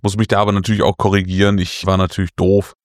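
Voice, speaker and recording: A man's voice: low-pitched, little pitch movement, fast talker, no room sound, studio quality. A man co-hosting a casual board game news podcast, self-mocking and jokey, laughing at his own slips. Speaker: podcast co-host.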